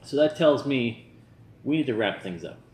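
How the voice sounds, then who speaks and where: A man's voice: mid-range voice, lively intonation, normal speed, darkish tone. A tipsy man co-hosting a casual movie review, talking in a loose, rambling way. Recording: roomy echo with background noise.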